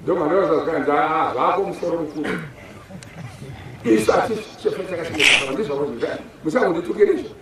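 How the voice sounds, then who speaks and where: A man's voice: a little high, fast, heavy background noise. A man preaching an open-air sermon to a gathering, calling out for answers from the crowd, heard from a distance. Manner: call-and-response preaching. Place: outdoor church field. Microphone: far camera. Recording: echoey open-air sound from far off.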